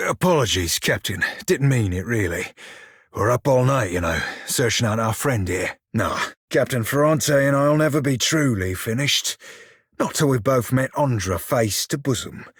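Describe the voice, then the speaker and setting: Serafen, a swaggering, roguish blue-furred male pirate shiphunter, speaks with a husky, medium-pitched voice, lively intonation and a normal pace. As a video game companion delivering dialogue and barks, he is wry, conversational, cocky and teasing, full of foul-mouthed, salty archaic sailor slang. The recording is dry and studio quality.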